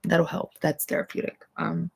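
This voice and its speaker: A young woman with vocal fry, chatting casually and bluntly to camera from her bedroom, keeping her voice quiet and swearing freely. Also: lowish voice, completely flat delivery, moderate pace. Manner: blunt, profane, rambling; trying to talk quietly. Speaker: vlogger.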